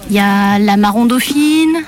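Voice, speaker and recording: A woman's voice: medium pitch, moderate pace. A woman chatting casually and showing things while she works. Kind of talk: casual chat while working. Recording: loud sizzling, clicking background noise.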